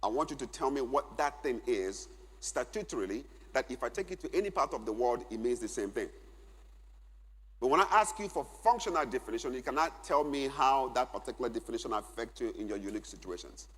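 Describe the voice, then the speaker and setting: A middle-aged man teaches at a church conference, stressing and repeating his key points. His voice is a little husky, and it echoes around a large hall with a long reverb tail. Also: mid-range voice, animated, fairly quick, a bit bright. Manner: emphatic, repeats key phrases for note-taking. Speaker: conference speaker.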